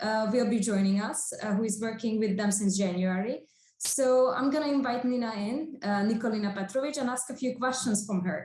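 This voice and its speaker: A woman hosting a live online interview, asking brisk, upbeat questions. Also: fairly high pitch, a little mellow, a little hiss or hum. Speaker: host. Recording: echoey room.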